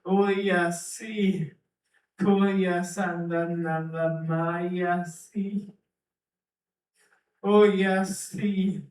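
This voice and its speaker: Recorded from afar in an echoing room, this male preacher speaks a prophecy in old King James wording, chanting, repeating, and breaking into tongues. He sits high in pitch with a flat, slightly mellow delivery, very slow and full of pauses.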